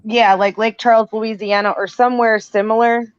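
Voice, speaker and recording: A woman's voice: on the high side, flat delivery, moderate pace, smooth. A woman hosting a live show in casual, informal chat, speaking bluntly. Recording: dull lo-fi sound, faint noise.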